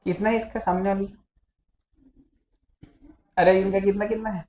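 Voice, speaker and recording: A man's voice: sits high, little pitch movement, moderate pace, darkish tone, a little hiss or hum. A male physics teacher in a casual classroom lecture, teasing and scolding his students as he talks. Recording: echoey classroom.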